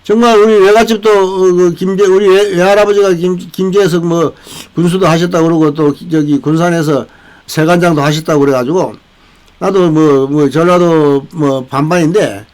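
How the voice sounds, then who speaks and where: A man's voice: a little high, fairly even intonation, moderate pace, a little mellow, clean tone, rough recording. An older man hosting a veterans' channel, giving a rambling political commentary with many restarts and tag questions. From South Korea.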